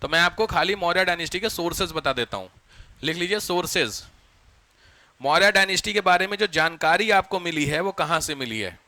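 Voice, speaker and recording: A man teaching a class, quizzing his students with quick questions and answering them himself. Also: high voice, animated, bright, forceful tone, dry recording. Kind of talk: classroom lecture.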